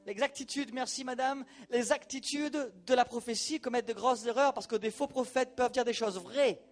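A male preacher giving a sermon, animated and colloquial, talking straight to the congregation. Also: very high voice, a little fast, faint music behind.

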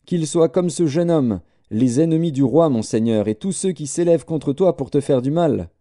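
A man's voice: a little high, animated, moderate pace, dark tone, voice pushed up, close to an everyday voice. A man reading aloud voices a servant who delivers news to his king in formal, ceremonious words. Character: solemn male foreign servant bearing news.

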